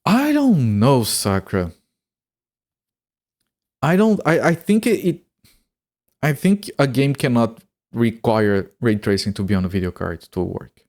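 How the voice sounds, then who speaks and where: A man's voice: mid-range voice, sing-song, a little slow, pauses often, darkish tone. A man streaming a game and chatting casually, swearing freely and stumbling over the starts of his sentences. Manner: stammers and repeats words when starting sentences. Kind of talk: casual chat while gaming on a live stream.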